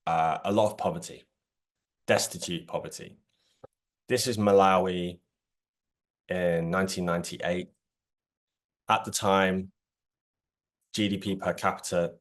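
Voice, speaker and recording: A man in his thirties with a low, deep voice tells his own story as an interview guest. He speaks in a reflective, thoughtful way. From United Kingdom. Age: 30s. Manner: reflective and thoughtful, laughing at times. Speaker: podcast guest, recovery coach.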